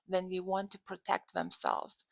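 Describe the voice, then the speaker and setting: Her delivery monotone and a little slow, with vocal fry in a lowish voice, a Lithuanian-accented coach speaks conversationally and emphatically to camera about dating and relationships. She hosts the channel, and there's no echo.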